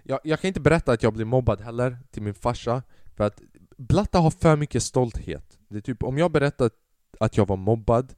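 A young man holds forth on his own comedy podcast in a middle-range voice. He rattles off stories in lively bursts, drops into impressions of others and swears freely. The sound is close and dry, with no room around it. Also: mid-range voice, no room sound. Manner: animated storytelling, acts out his father and others in loud bursts, swears freely. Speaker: podcast host. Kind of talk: solo comedic podcast monologue.

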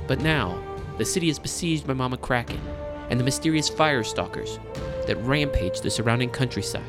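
A man's voice: medium pitch, fairly quick, loud music behind the voice. A man reading a scripted "previously on" recap as narrator of a tabletop game show, in a dramatic storytelling delivery.

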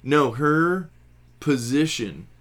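A man's voice: on the high side, lively intonation, extremely slow, fairly bright tone. A man, a pastor co-hosting a podcast, explaining theology confidently with rhetorical questions. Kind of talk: casual theological discussion.

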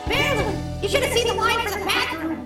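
A little cartoon apple, earnest and easily offended. The pitched-up voice is extremely high and lively, echoing heavily from a distance. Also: male voice, fast talker. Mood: excited. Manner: indignant, insistent storytelling. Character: small, touchy, earnest young male cartoon apple. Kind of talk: cartoon voice acting. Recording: echoey far-off playback over music.

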